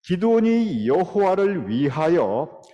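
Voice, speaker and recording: Male pastor, earnest Sunday sermon, lively pitch, long church-hall echo. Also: lo-fi sound. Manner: earnest preaching with dramatic pauses. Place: church sanctuary.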